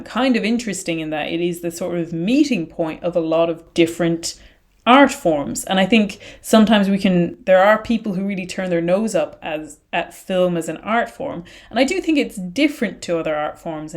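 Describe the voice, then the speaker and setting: A woman's voice: fairly low pitch, normal speed. A woman co-hosting a podcast in casual conversation, thinking aloud in long, wandering sentences with frequent restarts. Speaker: podcast co-host.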